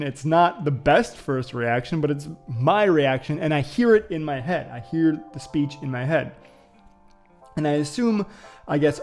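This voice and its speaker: A man hosts a casual, reflective vlog, musing aloud to viewers with frequent fillers and hesitations. His voice is a little high and a little mellow.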